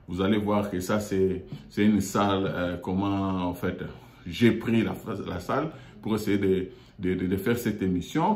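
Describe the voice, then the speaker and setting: A man's voice: deep voice, a little mellow. Hesitant man in an echoey room. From Democratic Republic of the Congo. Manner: halting, many fillers and repeated words. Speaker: YouTube show host. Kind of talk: hesitant monologue. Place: meeting room in an office.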